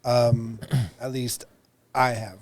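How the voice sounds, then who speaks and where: A man's voice: medium pitch, little pitch movement, extremely slow. A man co-hosting a podcast in casual chat, rambling with many fillers. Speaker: podcast co-host.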